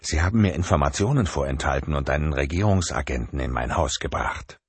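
Cold tattooed kidnapper, read by a male narrator, very low and husky, calm menace in an audiobook. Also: fairly quick, no room sound, exaggerated voice.

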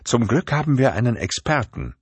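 A male narrator playing a cold, menacing tattooed kidnapper who speaks calmly. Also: medium pitch, moderate pace, slightly rough, no echo, voice pushed up. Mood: cold menace.

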